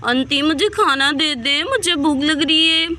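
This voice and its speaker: Brief: woman doing a high, bright, childish young woman in a storybook tale, pleading and naive. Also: measured pace. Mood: childlike, eager.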